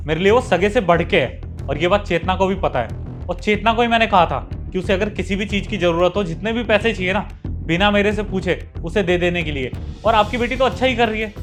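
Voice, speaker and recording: A protective son-in-law, played by a man, firm and reproachful, with a fairly high voice. Faint music sits behind the dialogue. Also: lightly acted. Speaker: husband character. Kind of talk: family drama acting.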